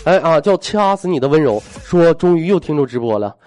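A male radio host on a live call-in show, reading listener messages and telling jokes with quick, wry asides. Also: fairly high pitch, expressive, darkish tone, dry recording. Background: faint electronic music.

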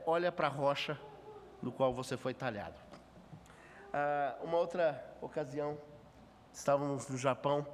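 A man in his fifties preaching at a conference, moving from humorous storytelling into fervent emphasis. His voice sits a little high for a man. A long reverb trails each phrase through the church hall. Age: 50s. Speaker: pastor. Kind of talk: conference sermon.

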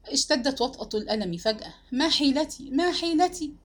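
A woman's voice: a little high, quick pace, lightly acted. A woman reading the part of a flustered mother, choked with tears and pleading. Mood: tearful. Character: tearful, flustered older mother. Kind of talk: dramatic novel narration.

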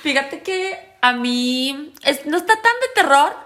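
A woman's voice: sits high, slow pace. A woman with a Mexican accent, co-hosting a podcast and telling a story in slangy casual chat, laughing as she goes. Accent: Mexican Spanish. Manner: slangy, animated, laughs while telling stories. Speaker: podcast co-host.

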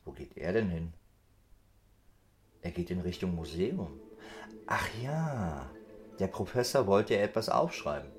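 A man's voice: deep voice, big pitch swings, a little slow, pauses often. A man narrating a scripted children's story as an engaged storyteller who speaks to his listeners.

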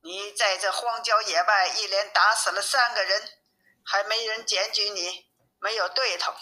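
A woman's voice: mid-range voice, fairly even intonation, a little slow, bright, forceful tone, poor audio. A woman voicing a stern male monk master who lectures and scolds. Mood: scolding.

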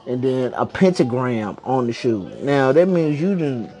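A man's voice: medium pitch, lively intonation, measured pace, warm tone, soft background music. A man hosting a casual podcast from home, rambling along in slang and swearing freely. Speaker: podcast host. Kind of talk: casual chat.

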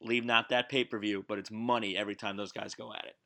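Bright-voiced male podcast guest. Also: on the low side, level tone, quick pace, gravelly. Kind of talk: casual sports podcast chat about wrestling. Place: home basement.

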